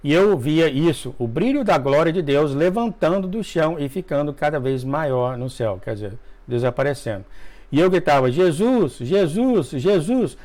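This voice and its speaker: A man reading a dream testimony aloud to viewers, emotional, with asides, often coughing and clearing his throat. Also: a little high, lively intonation, normal speed, darkish tone. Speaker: religious video narrator.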